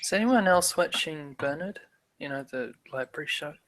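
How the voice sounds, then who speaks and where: A man's voice: a little high, lively intonation, normal speed, fairly bright tone. A man chatting casually on an internet group call. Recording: faint noise on online call.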